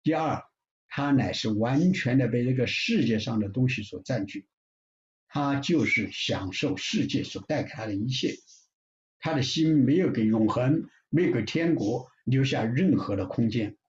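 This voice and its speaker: A man preaching a sermon in an emphatic, repetitive way, with frequent drawn-out fillers. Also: mid-range voice, animated, a little hiss or hum. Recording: roomy, dull sound with faint ambience.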